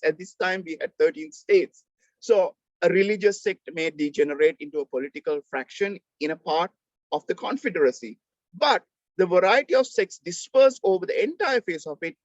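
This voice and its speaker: A fairly high-pitched male lecturer with a Sri Lankan accent teaches an online class. He explains emphatically but haltingly, often repeating phrases. The sound is slightly dull, as on a video call. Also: dry recording. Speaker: university lecturer.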